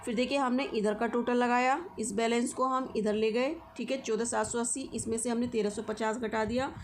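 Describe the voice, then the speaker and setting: A slightly high, steady voice at a moderate pace comes from a commerce teacher guiding students through an accounting lesson over slight background noise. She takes it one step at a time and checks in with them frequently.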